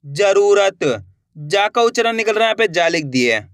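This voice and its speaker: A man's voice: high-pitched, sing-song, normal speed, fairly bright tone, clean tone, dry recording, clean studio sound. A man teaching how to write words letter by letter, repeating each word and answering his own questions. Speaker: Hindi writing teacher. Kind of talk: slow step-by-step spelling lesson.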